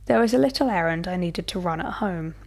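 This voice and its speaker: A woman's voice: on the low side, animated, brisk, darkish tone. A woman voicing a wary young woman who stammers when startled.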